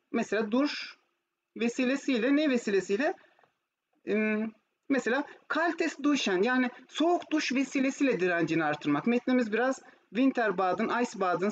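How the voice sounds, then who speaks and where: A woman with a Turkish accent teaching German online, switching between Turkish and German as she explains and asks checking questions. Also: on the high side. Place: online video class with screen share. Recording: muffled, noisy online call audio.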